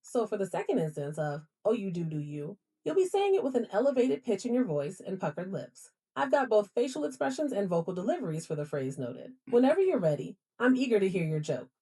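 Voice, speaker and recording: A woman's voice: mid-range voice, sing-song, a little fast, few pauses, mellow, husky. A woman's voice as a smart home assistant, answering politely and accommodatingly. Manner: polite, accommodating, formal address. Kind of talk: assistant replies.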